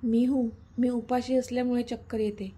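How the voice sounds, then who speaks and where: A weary young woman, weak from hunger and quick to snap, speaks softly in a story reading, put on by the narrator. Her voice is husky and mellow and sits fairly high. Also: flat delivery.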